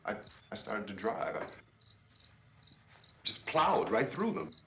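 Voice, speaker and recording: Grim, firm man under siege, lively pitch, hissy old film sound. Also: slow pace, exaggerated voice. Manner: blunt, clipped, urgent. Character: steady man holding off panic, tense and firm. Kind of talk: 1960s horror film acting.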